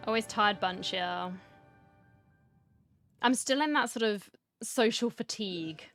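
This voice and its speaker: A woman's voice: mid-range voice, takes it slowly, fairly bright tone, faint music behind. A woman streamer giving playful, chatty commentary while playing a story game, reacting aloud and reading lines along. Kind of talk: casual gaming commentary.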